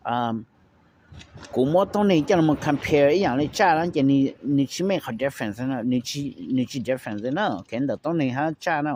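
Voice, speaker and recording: A man hosting a casual talk to viewers, rambling quickly and checking in with "okay?", with English phrases slipped in. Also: medium pitch, darkish tone. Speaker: host.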